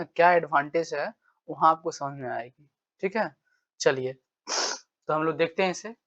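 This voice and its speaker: A man's voice: fairly high pitch, a bit bright, lo-fi sound. Man with a stuffy cold, chatty teacher. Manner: chatty, keeps asking "right?" and "what will you say?". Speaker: English teacher. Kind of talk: casual exam-prep lesson.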